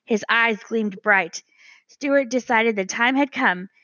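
A woman reading a children's storybook aloud as narrator, measured and gentle. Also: a little high, no echo, dull audio. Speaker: audiobook narrator.

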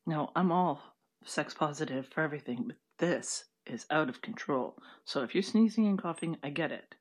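A person leading an audio walking tour in an informal, halting way, with chatty asides. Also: mid-range voice, expressive.

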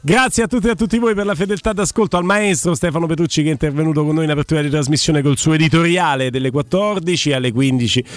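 Roman guy hosting a sports radio show, slightly higher voice, chatty banter. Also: fast, hardly any pauses, no room sound. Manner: bantering, colloquial. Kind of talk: casual sports talk.

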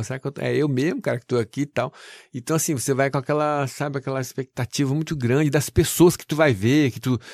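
A male news presenter tells his story in a lively, folksy way, full of exclamations. His voice sits at an ordinary middle pitch. The sound is dry and close, with no room echo. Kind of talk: interview storytelling.

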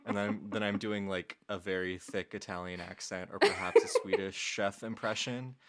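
A woman's voice: a bass voice, sing-song. A woman co-hosting a comedy podcast, riffing jokes in casual chat and laughing often. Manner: joking, quick riffs, frequent laughter. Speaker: podcast co-host.

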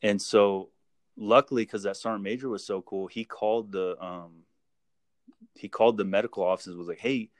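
A man, a guest and army veteran, tells stories in a casual, relaxed and profane way, acting out the dialogue as he goes. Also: lowish voice, normal speed, dry recording, studio quality. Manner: lively anecdote-telling, acting out quoted dialogue; relaxed and profane, with frequent fillers. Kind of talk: casual spoken storytelling.

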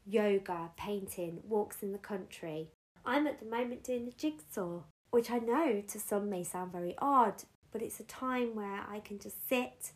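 A woman talks through spiritual guidance in an earnest, conversational way, with a voice of middling pitch. She builds her points through emphatic repetition. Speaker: spiritual guide. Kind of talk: spoken spiritual guidance talk.

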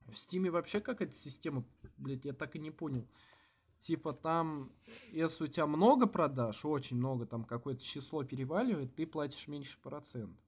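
A man co-hosting a podcast in casual, slangy chat with swearing, halting with many false starts and repeats. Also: on the high side, husky. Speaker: podcast co-host.

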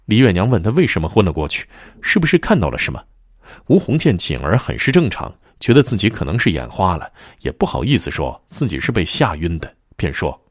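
A man tells a ghost story with dramatic flair, his pitch swinging widely. The voice is low and husky, and the recording is dry and close. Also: no room sound. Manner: dramatic, expressive.

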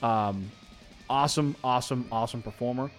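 A man's voice: mid-range voice, fairly quick, faint music behind. A man with a Boston accent hosting a radio show in casual, jokey banter, rambling and repeating words, with some swearing.

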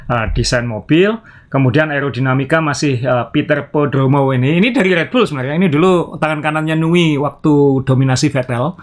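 A man's voice: on the high side, brisk. A man co-hosting a casual podcast chat, explaining things at length and chuckling often. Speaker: podcast co-host.

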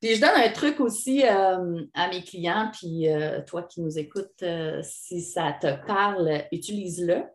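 A woman with a Québécois French accent co-hosting an advice podcast in a casual chat, animated and acting out quoted replies. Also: on the low side, a little slow, few pauses. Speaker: podcast co-host. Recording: echoey room.

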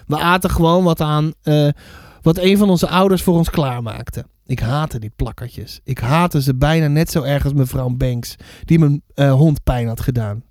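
A man reading a children's book aloud for a podcast, lively and stumbling now and then over words. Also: on the high side, normal speed, no echo, studio quality. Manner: lively, with fillers and self-corrections.

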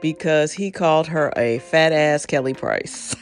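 With soft music playing behind her, a middle-aged woman hosts her own podcast in an unscripted solo talk. Her low voice moves at an unhurried pace, and she laughs often and drifts into wandering asides.

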